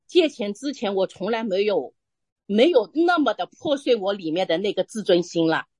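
A woman telling a personal faith testimony in conversation, earnest and halting, restarting her phrases often. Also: medium pitch, animated, a little mellow, no echo. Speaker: church member sharing testimony.

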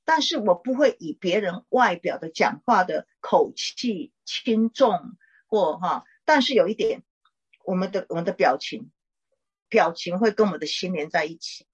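A middle-aged woman, a pastor's wife, gently teaching and counseling a caller in a chatty way with small laughs. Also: fairly low pitch, expressive, normal speed, slightly rough, dull audio. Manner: warm conversational teaching, frequent "哈" tags and laughs.

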